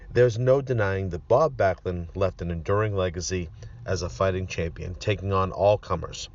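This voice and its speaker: A man presents a video review with scripted narration and enthusiastic unboxing remarks, speaking earnestly and wordily with rather formal phrasing. His voice is fairly low, and the sound is lo-fi.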